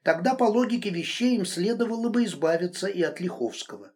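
A man voicing a calm, stubborn young woman in an audiobook, speaking quietly and steadily. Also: high voice, a little fast, pitched above the performer's own voice. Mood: steady. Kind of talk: audiobook reading.

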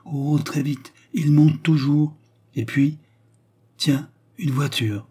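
A man reading aloud, voicing a young girl who speaks haltingly in a hypnotic trance. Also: fairly high pitch, fairly even intonation, mellow, husky, voice pushed up. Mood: entranced. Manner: dreamy, halting trance speech.

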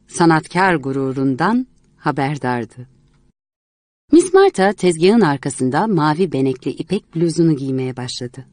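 A woman reading a story aloud in a measured, expressive way. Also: sits low, no room sound. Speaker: narrator.

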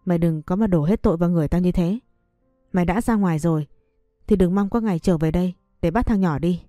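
A woman's voice: lowish voice, fast, mellow, no echo, studio quality, faint music behind, lightly acted. A woman voicing a domineering older mother-in-law in an audio story, speaking with scolding contempt. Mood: scornful.

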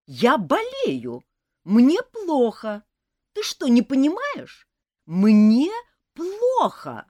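A woman's voice: high voice, animated, very slow, mellow, no room sound, pitched above the performer's own voice, heavily acted. A woman voicing a melodramatic young male elf with a cold, whimpering, sniffling and wailing about his pain. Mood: whining. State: stuffy nose from a cold. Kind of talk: audiobook character voice.

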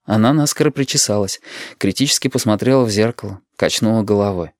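A man reading a story aloud as narrator, calm and measured. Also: on the low side, no echo, clean studio sound. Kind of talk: audiobook reading.

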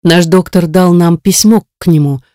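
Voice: mid-range voice, fairly even intonation, normal speed, warm tone, dry recording, clean studio sound, close to an everyday voice. A reader voicing an anxious mother, grieving over her sick son and pleading tearfully, in an audiobook. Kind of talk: audiobook character reading.

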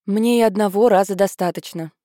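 A woman's voice: medium pitch, brisk, dark tone, dry recording, studio quality, lightly acted. A woman voicing a glum, muttering young woman, the eldest sister, in an audiobook.

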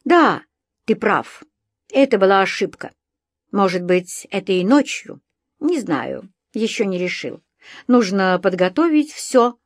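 A woman's voice: medium pitch, sing-song, unhurried, no echo. A woman reading as a curt, cold husband. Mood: dry. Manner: dry and clipped.

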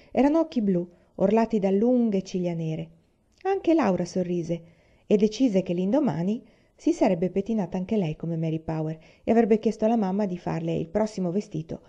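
A woman reading a children's novel aloud in a calm, measured storytelling manner, lifting her voice higher for the characters' lines. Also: muffled recording. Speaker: reader.

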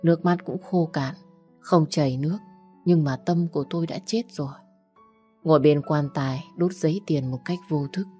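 A woman reading a first-person story aloud in a soft, sorrowful way. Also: low-pitched, normal speed, slightly rough, soft background music.

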